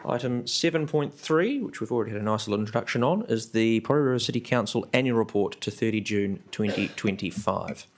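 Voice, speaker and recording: A man with a New Zealand accent chairing a council committee meeting, running through motions in a brisk, businesslike way. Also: lowish voice. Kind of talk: formal meeting procedure. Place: council chamber.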